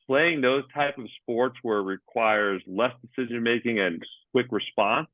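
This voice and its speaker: A man's voice: mid-range voice, unhurried, no room sound. A man who coaches athletes with ADHD, explaining sports in plain terms with examples on a video call. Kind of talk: explaining in conversation. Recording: tinny phone-like line, dry.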